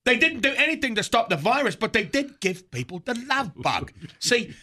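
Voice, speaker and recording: A man's voice: extremely high pitch, big pitch swings, normal speed, sharp tone, heavily acted. Man playing a brash Cupid. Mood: bawdy. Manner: boastful, bawdy wisecracking. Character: cheeky Cupid, winged baby love god. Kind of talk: radio comedy sketch.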